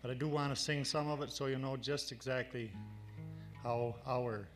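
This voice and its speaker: A man's voice: mid-range voice, fairly even intonation, music in the background. An older man from upstate New York, a folk singer telling the stories behind his songs with dry humor. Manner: slow, folksy, dry humor. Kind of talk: folk song introductions and stories at a gathering.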